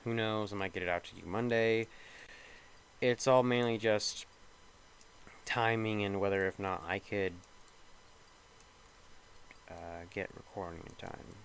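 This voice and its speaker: This gaming video creator, a young man, offers casual commentary over his play, wandering through his thoughts and hesitating often. He speaks at a measured pace with long pauses, his slightly low, faintly nasal voice holding a steady tone. Beneath it all runs a faint background hum.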